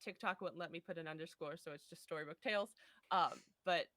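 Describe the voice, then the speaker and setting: A woman's voice: fairly low pitch, a little fast, fairly bright tone. A woman game master narrating a tabletop game and signing off with upbeat announcements.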